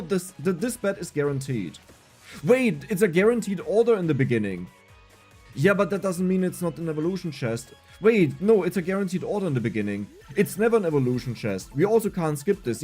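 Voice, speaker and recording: A young adult man with a German accent streams a game, reading chat aloud and answering it with self-mocking humor. His voice is a little high and warm, and the talk is casual livestream gameplay chat.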